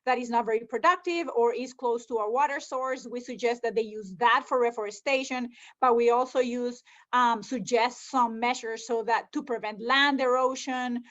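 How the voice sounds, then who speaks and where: A woman's voice: a little high, steady tone, moderate pace, a bit bright, highs cut off. A woman from Rica, a conservation scientist answering interview questions earnestly, with frequent ums. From Costa Rica.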